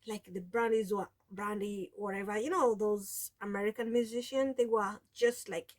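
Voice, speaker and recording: With a medium-pitched, steady voice at a moderate pace, a woman in her forties tells her story to camera in a casual vlog. She has a Kenyan accent, is Taita from the coast and speaks Taita as her first language, and her talk rambles with many restarts and "you know".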